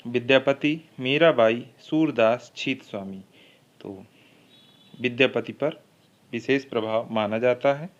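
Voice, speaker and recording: A man's voice: medium pitch, highs cut off. A man teaching a Hindi literature exam-prep lecture, reading each question twice before going through the options and explaining the answer.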